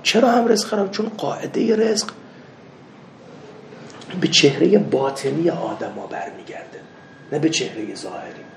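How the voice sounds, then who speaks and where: Gravelly-voiced man lecturing in an echoey room. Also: a little high, pauses often, a little hiss or hum. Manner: animated, swings from loud rebukes to soft asides. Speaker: seminary teacher. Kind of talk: religious lecture with anecdotes. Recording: echoey room with faint ambience.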